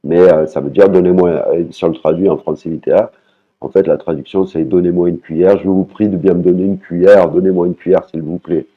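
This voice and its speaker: A man's voice: low-pitched, fairly even intonation, fairly quick, phone-quality sound. A man teaching a language lesson, patiently repeating words and singing out their tones.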